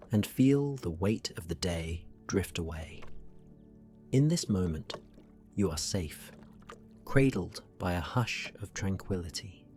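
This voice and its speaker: A man working as a sleep story narrator, guiding relaxation in a gentle, soothing, hushed delivery that drifts toward a whisper. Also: sits low. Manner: slow, gentle, soothing, often falling near a whisper.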